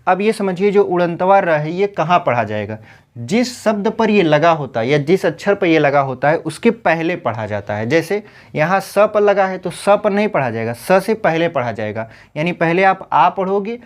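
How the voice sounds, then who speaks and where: A man's voice: on the high side, lively intonation, normal speed. A young man teaching a Hindi spelling lesson for exam preparation, explaining step by step and asking his students rhetorical questions. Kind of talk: exam-prep grammar lesson.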